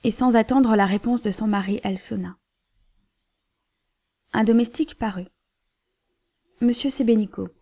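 A woman reading a classic novel aloud as scripted narration, in a measured, even way. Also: medium pitch. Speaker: audiobook reader.

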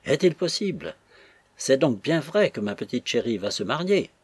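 A man's voice: medium pitch, very animated, normal speed, slightly rough, no echo. A man voicing a gushing, emotional young female maid who talks in a breathless torrent. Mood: overjoyed. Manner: breathless torrent of words, sobbing with joy.

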